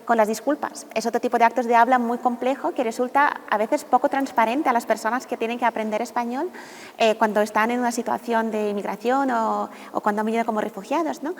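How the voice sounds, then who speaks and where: A woman, a researcher explaining in a measured, academic way. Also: a little high, fairly even intonation, long reverb tail. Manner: measured, academic, uses hesitation fillers. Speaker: university researcher. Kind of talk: explanatory radio interview answers.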